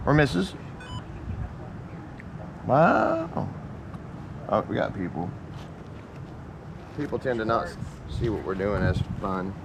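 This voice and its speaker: A man chatting informally and repeating phrases while investigating outdoors, in a noisy recording with wind and vehicle rumble. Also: wildly swooping pitch, takes it slowly, creaky, long pauses. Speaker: paranormal investigator. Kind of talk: casual chat during a ghost hunt. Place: outdoors in a cemetery.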